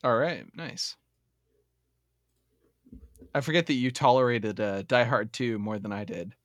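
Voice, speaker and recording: A man co-hosting a casual movie podcast, relaxed and quick to joke. His voice sits at an ordinary middle pitch. It is recorded close and dry, with no room sound. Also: dry recording. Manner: relaxed, joking, laughs often. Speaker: podcast co-host.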